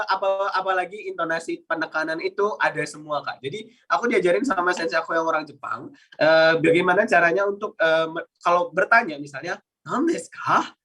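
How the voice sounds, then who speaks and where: A man from Indonesia teaching Japanese in a relaxed online class. His voice is bright and a little high, and he talks chattily with lots of fillers while acting out Japanese intonation. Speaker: Japanese language mentor. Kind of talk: online class Q&A, casual explaining.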